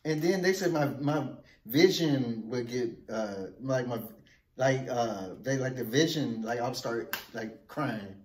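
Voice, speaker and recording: A man's voice: mid-range voice, slow. Cocky man bantering in an echoey room. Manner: cocky, dismissive bravado. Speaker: vlogger, challenge co-host. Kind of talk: casual banter to camera. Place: home room at a table, indoors. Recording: echoey room, distant mic, faint music.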